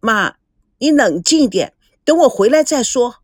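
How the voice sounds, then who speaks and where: A woman voicing a distraught young woman who pleads and shouts through tears. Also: on the high side, lively intonation, normal speed, dry recording, clean studio sound. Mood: pleading. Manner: urgent, pleading then shouting.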